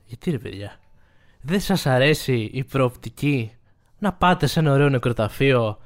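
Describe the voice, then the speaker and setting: A man's voice: medium pitch, expressive. A man co-hosting a podcast in casual chat, teasing with dry sarcasm. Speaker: podcast co-host.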